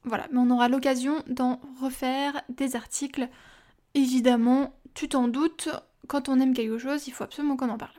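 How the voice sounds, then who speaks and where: A woman's voice: high voice, little pitch movement, moderate pace, dark tone. A young woman hosting a podcast, talking casually and personally with many fillers and asides. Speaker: podcast host.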